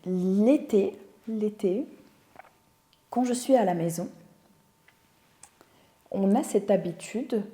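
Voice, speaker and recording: A woman's voice: medium pitch, slow pace, pauses often, dark tone. A woman, a guest telling her story in a casual interview, thoughtful and searching for words. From Tunisia. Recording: roomy echo.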